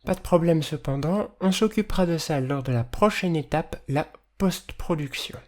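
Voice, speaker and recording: A person with a slight lisp and hissy, slushy s sounds, explaining audio editing as a tutor in a measured, careful way. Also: medium pitch, lively intonation, darkish tone. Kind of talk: instructional screencast narration, explanatory.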